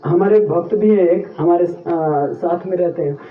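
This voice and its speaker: High-pitched male preacher, chatty sermon storyteller, distant mic, dull sound. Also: roomy sound. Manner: homely, chatty retelling with everyday examples; recites Sanskrit verses slowly.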